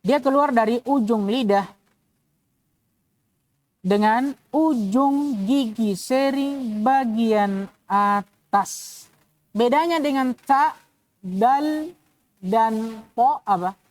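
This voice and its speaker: A woman's voice: a little high, drawn-out words, long pauses, darkish tone, dry recording. A woman teaching Quran recitation, sounding out letters again and again and checking that her students follow. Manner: drills letter sounds aloud, repeating each for students; checks understanding with short questions. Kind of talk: tajwid lesson.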